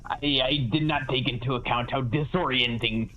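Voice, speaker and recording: A man's voice: mid-range voice, fairly even intonation, normal speed. A man chatting casually as a player in a tabletop game, hesitant and self-deprecating. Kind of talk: casual chat at a gaming session. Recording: slightly dull, noisy lo-fi audio.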